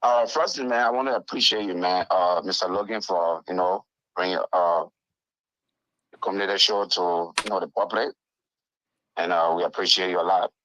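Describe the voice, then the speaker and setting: A man calling in on a three-way phone call, speaking haltingly and repeating his phrases. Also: deep voice, pushed and bright, dry recording. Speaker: phone-in caller. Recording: dull, dry phone line.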